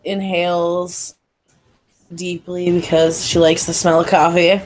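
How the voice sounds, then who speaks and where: A woman player describing her character's actions in a tabletop game in an unhurried, thoughtful way. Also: on the low side, little pitch movement, a little hiss or hum.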